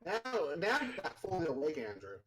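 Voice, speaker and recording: A man co-hosting a casual gaming podcast over online voice chat, loud and excitable, his microphone clipping and distorting as it peaks. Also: on the high side, fairly quick, husky. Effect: clipping, distorted peaking microphone. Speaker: podcast co-host. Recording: faint noise on a clipping mic.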